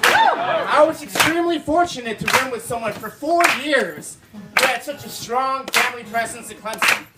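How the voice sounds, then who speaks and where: A man's voice: very high voice, big pitch swings, moderate pace, very noisy. A young man giving a playful best man's wedding toast, switching between speech and comic sung verses. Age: young adult. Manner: playful, performing to the guests. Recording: distant mic, loud music behind.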